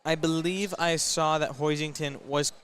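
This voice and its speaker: Student announcer calling a school game. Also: male voice, fairly high pitch, fairly even intonation, unhurried, a bit bright, clear, resonant tone. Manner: casual, self-correcting, hesitant announcing. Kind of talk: high school sports broadcast commentary. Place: school gymnasium.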